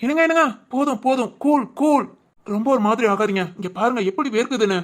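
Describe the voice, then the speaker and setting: A woman voicing a gentle young husband who soothes and teases his wife in a village family drama. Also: fairly high pitch, fast, natural voice. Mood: soothing. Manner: soothing, teasing. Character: gentle reassuring young husband, loving and playful.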